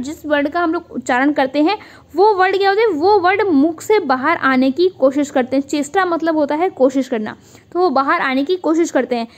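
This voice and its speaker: A young woman teaching an online exam-prep class, mixing English words into Hindi and repeating key points as questions she then answers herself. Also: very high voice. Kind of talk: online lecture.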